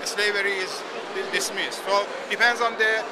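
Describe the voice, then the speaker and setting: A man from Iran with a Persian accent answers interview questions haltingly, searching for his words. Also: high-pitched, fairly even intonation. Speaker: NGO delegate being interviewed. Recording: loud outdoor traffic and street noise.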